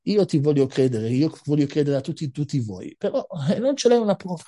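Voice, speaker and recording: A woman voicing a calm male rabbi who questions patiently and reasons things through. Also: low voice, brisk.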